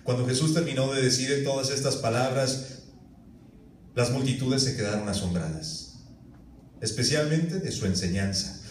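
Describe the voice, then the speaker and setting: A man, preaching a sermon as pastor, telling lively stories and acting out voices. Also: mid-range voice, a little hiss or hum. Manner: animated storytelling with acted-out voices. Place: church hall. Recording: echoey church room, mic at a distance.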